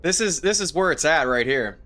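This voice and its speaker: Bright-voiced joking male streamer. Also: on the high side, animated, fairly quick. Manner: joking, playful banter. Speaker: streamer playing with friends. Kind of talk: casual gaming chat.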